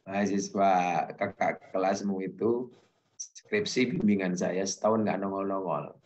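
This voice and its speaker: A middle-aged male university lecturer giving a relaxed online lecture, telling anecdotes and acting out conversations. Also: low-pitched, measured pace, highs cut off. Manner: relaxed, tells anecdotes, acts out dialogue.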